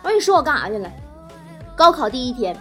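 A woman talk show host delivers wisecracks in a teasing, punchy way. Her voice is fairly high and very animated. Music plays behind her. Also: fast. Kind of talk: comic monologue reading listener messages.

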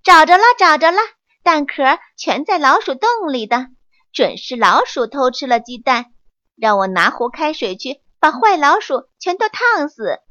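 A woman doing a squeaky, panicky little monkey. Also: a little slow, dry recording, exaggerated voice. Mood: fake innocence. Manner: high, excited, whining pleas. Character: greedy, sly little male monkey, easily scared. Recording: dull lo-fi, dry.

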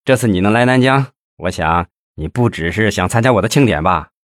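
A hearty, flattering middle-aged businessman who is always selling himself, as a male narrator plays him. He talks low and smooth, and the recording is dry and close with no room sound. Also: brisk, no room sound, natural voice. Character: scheming middle-aged male official-businessman, glib and boastful.

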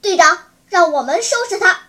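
A man's voice: very high-pitched, lively intonation, normal speed, sharp tone, exaggerated voice. A narrator voicing a band of brutish guards who jeer at a boy and fawn over their captain. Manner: jeering, fawning. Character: fawning brutish male guards, adult.

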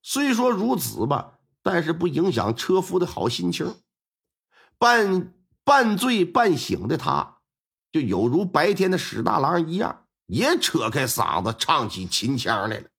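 A male storyteller performs a traditional crime tale with lively, swooping intonation. His voice sits a little high and has a gravelly, husky texture, and he delivers the story in a colloquial, chatty way. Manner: lively, colloquial, with drawn-out sentence-final particles.

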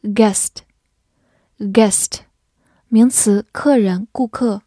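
A woman teaching English vocabulary at a very slow, deliberate pace, saying each word twice with care. Her voice is mellow and warm. It is recorded dry on a close mic. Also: medium pitch, fairly even intonation, no echo. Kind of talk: vocabulary drill.

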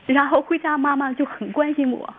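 A woman's voice: high voice, steady tone, brisk. Tearful woman caller on phone. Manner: tearful, heartfelt storytelling. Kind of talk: emotional phone-in conversation. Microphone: telephone. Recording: tinny phone line.

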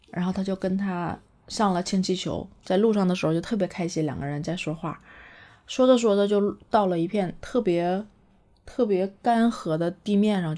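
A woman chattily retelling a cartoon story, animated and full of fillers. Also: lowish voice.

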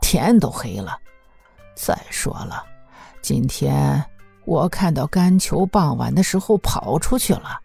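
A male storyteller voicing a chatty old village grandmother who speaks slowly and matter-of-factly, with a creaky, husky voice. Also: a little high, animated, a little mellow, faint music behind, voice pushed up, heavily acted. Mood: dismissive. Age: over 60. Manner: drawn-out, gossipy, matter-of-fact. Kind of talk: audiobook character voice.

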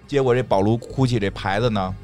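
A man's voice: fairly low pitch, brisk, faint music behind. A man co-hosting a podcast in casual chat, joking and acting out quotes. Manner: animated, joking, acts out quotes. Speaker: podcast co-host.

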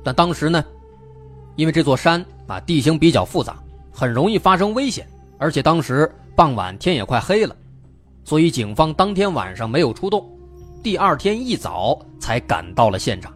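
True crime narrator: male host, Mainland Mandarin accent, higher-set animated voice, suspenseful but colloquial, over a music bed. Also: normal speed. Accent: Mainland Chinese Mandarin. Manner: suspenseful storyteller with colloquial asides.

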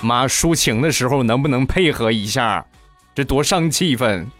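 A man hosting a comedy podcast, telling funny stories in an animated way and acting out each character. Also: medium pitch, normal speed, over music. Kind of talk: comic storytelling.

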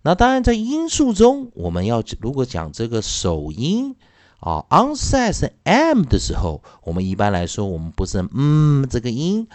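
A man teaching an English phonics lesson, slowly drawing out and repeating each sound for his students. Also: a little high, a little mellow, no echo.

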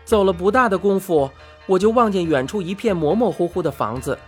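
Faint music sits behind this woman as she briskly narrates her own story in a fairly low voice. She reads with expression and brings energy to the quoted lines, performing each one.

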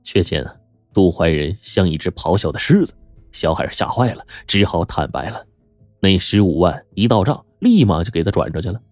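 A man narrating a story in a lively spoken storytelling manner. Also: low-pitched, no echo, faint music behind. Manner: lively spoken storytelling with drawn-out sentence endings.

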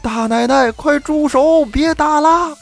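A man's voice: very high-pitched, takes it slowly, vocal fry, faint music behind, voice pushed up, exaggerated voice. A man voicing a timid, cowardly elder brother who frets and pleads in a raised voice. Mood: panicked. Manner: fretful, pleading.

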